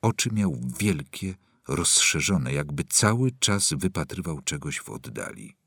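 A man reading a novel aloud as audiobook narrator, slow and dramatic. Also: extremely low pitch, sing-song, creaky, fairly bright tone, husky, dry recording, studio quality.

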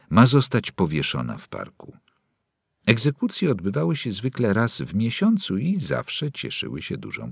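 Man, deep, husky, audiobook narrator, dry close sound. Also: no room sound. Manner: dramatic, wide-ranging delivery. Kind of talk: scripted narration of a novel.

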